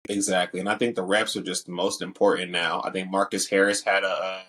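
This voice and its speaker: A man's voice: low voice, little pitch movement, brisk, fairly bright tone. A young man co-hosting a casual sports podcast, talking in loose, slangy bursts full of fillers. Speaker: podcast co-host.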